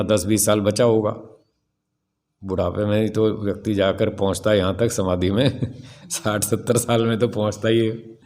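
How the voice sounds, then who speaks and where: A man's voice: lowish voice, a little mellow. A man in his sixties, a swami, giving a spiritual discourse in a firm, rhetorical manner and putting questions to his listeners. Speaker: swami teaching scripture.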